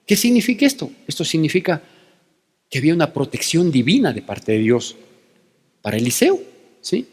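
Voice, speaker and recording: A man's voice: fairly high pitch, breathy edge, in a large hall. A male pastor preaching a conversational sermon with an Ecuadorian Spanish accent, reading Bible verses and often checking in with "¿sí?". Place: church sanctuary.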